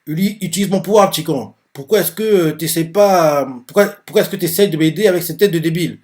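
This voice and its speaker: Man doing a shrill foul-mouthed spirit woman. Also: fast talker, a little mellow, natural voice. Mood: insulting. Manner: shrill, scolding insults. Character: foul-mouthed trapped female spirit, bossy and insulting.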